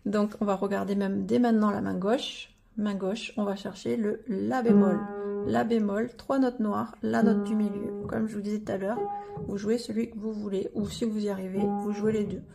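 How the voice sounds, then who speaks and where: A woman giving a patient step-by-step piano lesson, naming each note as she plays, with loud piano under her voice. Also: mid-range voice, vocal fry. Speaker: piano teacher. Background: piano playing.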